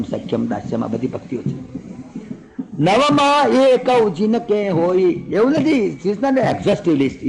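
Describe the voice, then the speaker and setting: A man's voice: mid-range voice, creaky, darkish tone, poor audio. A man giving a scripture discourse, telling stories with humor and chanting verses. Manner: humorous storytelling, mixes in English. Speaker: religious discourse speaker.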